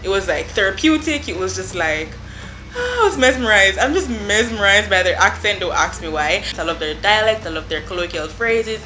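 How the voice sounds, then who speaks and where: A young Jamaican woman with a Jamaican accent tells a casual storytime to camera for her vlog, effusive and animated, saying "I mean" and "like" a lot. She speaks at a moderate pace in a mid-range voice. The rough recording is echoey, with faint music behind her.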